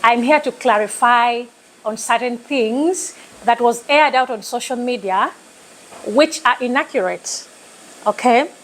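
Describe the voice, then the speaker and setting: A Ugandan woman from the east of the country speaks as a guest on a talk show. She sounds earnest and deliberate, as if giving a speech. Her voice sits a little high for a woman. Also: fairly bright tone, poor audio. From eastern Uganda.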